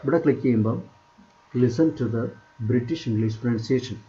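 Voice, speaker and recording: A man walks the listener through a screen-share English lesson. He keeps repeating himself as he points out items on the screen. His voice sounds very dark and mellow. The recording is dull and lo-fi, with a faint hiss underneath. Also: medium pitch, takes it slowly. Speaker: English teacher.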